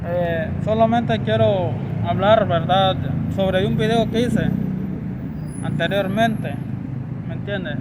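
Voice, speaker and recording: A man's voice: high voice, slow, heavy background noise. A young Honduran man with a Honduran Spanish accent, giving an insistent, repetitive opinion rant to camera as a vlogger, recorded outdoors by a street.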